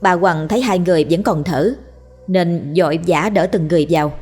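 A woman reading a ghost story aloud in a steady, measured narration. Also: lowish voice, slightly rough.

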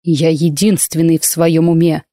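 A woman's voice: lowish voice, normal speed, mellow, no echo, clean studio sound, lightly acted. A woman reading the lines of a fierce male warrior who harshly accuses a witch, in an audiobook. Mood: accusing.

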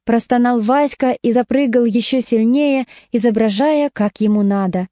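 A woman reads a story aloud with lively, expressive narration. Her voice sits a little high but sounds mellow and dark, recorded dry and close. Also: moderate pace, dry recording. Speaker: audiobook narrator.

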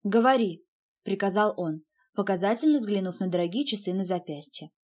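A woman narrating a first-person audiobook in a steady, even reading voice. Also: medium pitch, brisk.

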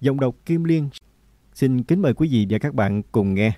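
A male radio announcer opens a late-night story program in a formal, slow manner. His voice is mid-pitched and warm, and it sounds dry and close. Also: expressive, dry recording.

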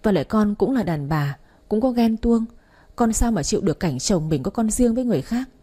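A woman's voice: medium pitch, lively intonation, fairly quick, dark tone, husky. A woman reading the part of a desperate daughter-in-law who pleads tearfully for mercy. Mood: pleading.

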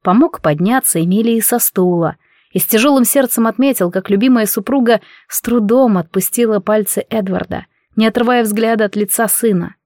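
A woman reading a novel aloud as an audiobook narrator, in an even, measured way. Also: fairly high pitch, no echo, studio quality. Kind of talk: scripted narration.

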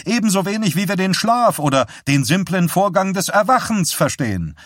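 A man voicing a commanding middle-aged male neurologist who speaks up high and forcefully. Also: big pitch swings, moderate pace, no room sound, clean studio sound. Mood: lecturing. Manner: shouting, high and sharp.

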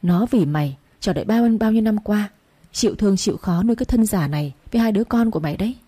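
Woman reader doing an old peasant mother, quick scolding delivery, husky, warm. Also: medium pitch, animated.

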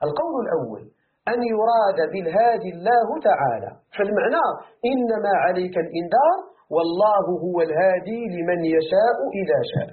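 A man's voice: high-pitched, fast. A man with a Moroccan accent teaching a Quran commentary lesson, who asks his students questions and answers them himself. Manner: animated, rhetorical questions to students. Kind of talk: classroom tafsir lesson. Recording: tinny phone-like recording.

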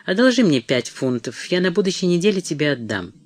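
A man's voice: sits high, big pitch swings, fairly quick, no echo. A man voicing a rude, scheming young son who talks curtly and bitterly. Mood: demanding. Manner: curt, bitter and demanding.

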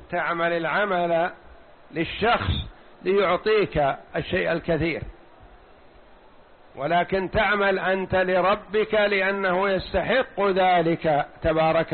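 An older man giving a slow, deliberate religious lecture, repeating and explaining words one at a time. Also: fairly high pitch. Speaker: Quran commentary teacher. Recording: tinny phone-like recording.

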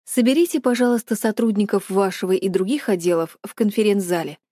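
A woman's voice: medium pitch, fairly quick, dark tone, studio quality, close to an everyday voice. Woman narrator playing a commanding male director in a storybook, cold and level, no room echo. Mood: stern.

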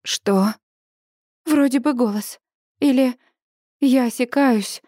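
A woman narrating a first-person audiobook in an expressive, dramatic reading style. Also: on the high side, measured pace, dry recording, clean studio sound.

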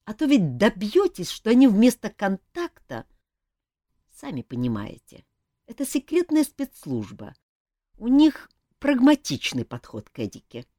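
A woman reading an audiobook, voicing a lively, cheeky young male court jester who teases and pleads. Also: medium pitch, measured pace, no room sound, clean studio sound, voice pushed up. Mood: pleading. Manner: animated, teasing, pleading.

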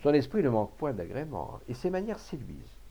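A man narrating classic literary short stories as an audiobook reader, in a measured, expressive reading. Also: medium pitch, gravelly.

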